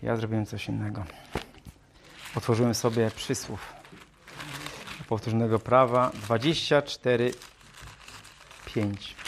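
A man preaching a sermon in a lively way, reading scripture aloud in a raised voice and joking with rhetorical questions. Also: mid-range voice, a little hiss or hum. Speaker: pastor.

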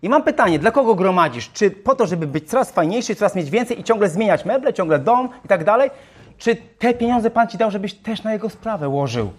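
A man's voice: high voice, sing-song, fairly quick, husky. A man preaching a sermon, firing rhetorical questions at his congregation. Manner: self-described talker.

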